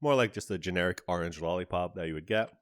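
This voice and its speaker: Man, low voice, dry close sound, casual taste-test vlog host, detailed flavor talk. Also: fast, no echo. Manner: chatty, describes flavors in detail with small asides. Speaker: candy reviewer, channel host. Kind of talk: casual on-camera taste review.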